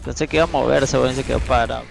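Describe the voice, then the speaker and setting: Male esports player, heavy vocal fry, casual team comms, faint typing noise. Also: medium pitch, steady tone, racing, rough recording. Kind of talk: casual in-game team callouts. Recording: faint keyboard and background noise.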